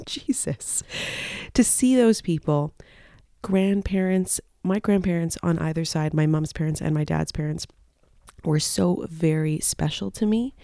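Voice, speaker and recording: A woman in her thirties speaks in a low, mellow, gravelly voice as she hosts a podcast alone. She rambles tenderly through her memories, stopping often and keeping herself from crying. The sound is dry and close, with no room around it. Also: unhurried, no room sound. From Canada. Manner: nostalgic, tearful, rambling with many fillers. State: close to tears. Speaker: podcast host. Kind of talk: emotional personal monologue.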